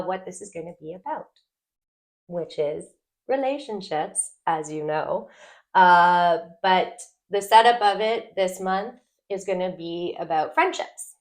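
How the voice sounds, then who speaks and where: A young adult woman from Ireland co-hosting a podcast in casual chat, laughing often and pausing with fillers. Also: medium pitch, a little mellow. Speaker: podcast co-host.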